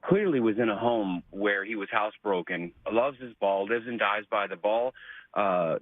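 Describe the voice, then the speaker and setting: Male caller on speakerphone, phone-line quality, dry and narrow, polite and halting. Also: lowish voice, no room sound. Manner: polite, chatty, hesitant with fillers. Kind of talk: casual call-in chat.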